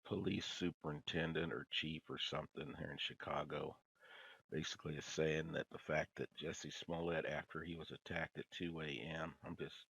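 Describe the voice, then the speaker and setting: An older man with a folksy, rambling grandpa voice, gravelly and husky, casually reading news headlines and commenting on them. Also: extremely low pitch, fairly even intonation, normal speed, a bit bright, rough recording.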